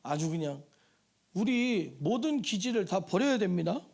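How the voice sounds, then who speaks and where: A man's voice: high voice, big pitch swings, unhurried, creaky, darkish tone. A male pastor preaching a sermon in a church, talking in a conversational way and throwing rhetorical questions and asides at the congregation. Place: church sanctuary.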